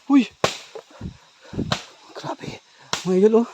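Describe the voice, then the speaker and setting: A Filipino man who hunts ghosts on his vlog, talking to viewers outdoors at night. He moves between hushed murmurs and excited exclamations, and he chants a Latin-sounding incantation. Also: high voice, very slow, background noise. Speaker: ghost hunter vlogger. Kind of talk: night-time paranormal vlog commentary. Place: outdoors at night near a hut, in the rain.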